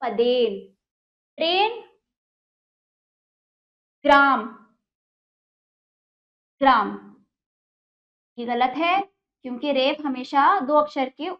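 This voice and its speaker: Give me a slow, high-voiced woman teacher. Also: dull audio. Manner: patient, step-by-step explaining with repeated examples. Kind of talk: spelling lesson for young children.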